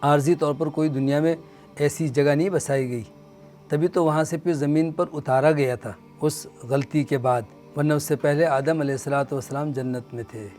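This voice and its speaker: A man giving a religious lecture on the Quran, explaining earnestly and reciting Arabic verses slowly. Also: on the high side, steady tone, a little mellow, soft background music. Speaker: Quran teacher.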